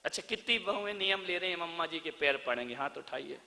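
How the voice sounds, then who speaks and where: A man delivers a theatrical sermon to a crowd in a large hall, his voice high and bright with a sharp edge. He drops to near-whispers and then bursts into shouts, slipping into sing-song voices to act out family quarrels. A long reverb trails behind every word. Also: lively intonation, fast, vocal fry, a little hiss or hum. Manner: theatrical, swings from soft asides to shouted lines; acts out household dialogue in sing-song voices. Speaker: Jain monk preacher. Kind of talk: sermon to a live audience.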